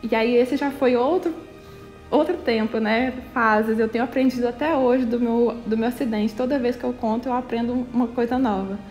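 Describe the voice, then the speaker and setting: A young woman from Brazil shares a personal testimony with a high voice. She tells it earnestly, often slowing down and using many fillers. Soft music plays faintly behind her. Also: steady tone. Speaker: church member sharing testimony.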